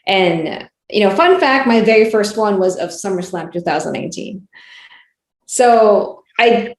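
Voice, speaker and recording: A woman's voice: medium pitch, animated, a little slow. A woman chatting casually as an interview guest, giggly and often saying "like" and "you know". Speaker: guest, wrestling ring announcer and reporter. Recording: roomy, echoey sound.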